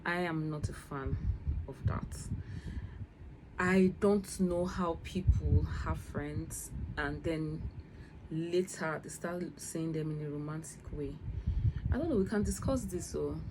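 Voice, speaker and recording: A woman's voice: deep voice, takes it slowly, noisy background. A young woman chatting casually about books she read, laughing often and trailing off mid-sentence before starting again. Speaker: book vlogger. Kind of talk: casual book review chat.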